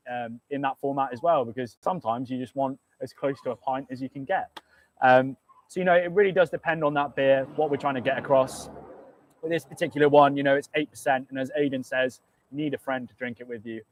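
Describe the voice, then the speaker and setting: A man's voice: mid-range voice, steady tone, brisk. A man with a British accent, a brewer hosting a live beer tasting, talking casually with many ums and laughs. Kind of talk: casual live-stream chat.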